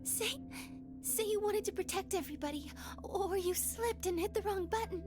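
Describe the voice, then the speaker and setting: A woman voicing a gentle, soft-spoken young woman who speaks in a hesitant, pleading way. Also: very high voice, normal speed. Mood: hurt pleading. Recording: game audio with music underneath.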